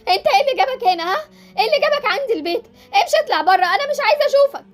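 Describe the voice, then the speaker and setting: A woman's voice: very high voice, lively intonation, very fast, bright, forceful tone, soft background music, full character voice. A woman playing Nadeen, a fiery young Egyptian woman. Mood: angry. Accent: Egyptian Arabic. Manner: dramatic, swings between pleading and defiant. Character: young woman, proud, emotional and quick-tongued. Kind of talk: Roblox voiced drama.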